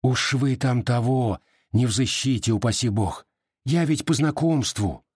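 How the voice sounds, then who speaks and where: A man reading an audiobook voices a fawning, apologetic village postmaster, mumbling his excuses in a husky voice. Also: medium pitch, unhurried, darkish tone, no room sound, studio quality.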